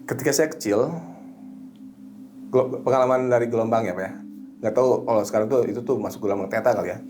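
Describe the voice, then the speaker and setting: A middle-aged man, a hypnotherapist, chats casually at an ordinary pitch, telling his stories with animation and sometimes dropping into a slow, soothing hypnosis voice. Music plays clearly behind him. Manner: animated storytelling, softens into slow soothing suggestion voice. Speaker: hypnotherapist guest. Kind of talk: casual chat.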